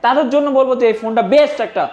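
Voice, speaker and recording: A Bangladeshi shop salesperson delivers a hard-sell promotional pitch at a very rapid pace. The delivery is insistent and repetitive, constantly urging the customer to buy. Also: a little mellow, highs cut off.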